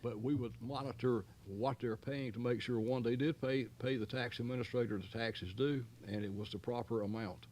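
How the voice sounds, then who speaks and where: A middle-pitched man speaks as county manager at a public meeting, with faint noise behind him. He talks in a folksy, rambling way, full of fillers, restarts and homespun turns of phrase. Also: fairly even intonation, normal speed, hardly any pauses, a little mellow. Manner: folksy, long-winded, many fillers and restarts. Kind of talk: explaining at a public board meeting.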